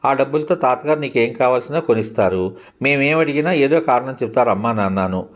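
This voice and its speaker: A man's voice: mid-range voice, lively intonation, fairly quick, pitched above the performer's own voice, close to an everyday voice. A man voicing an indignant young boy who resents his older cousin, in a read-aloud novel. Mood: resentful. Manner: indignant, accusing.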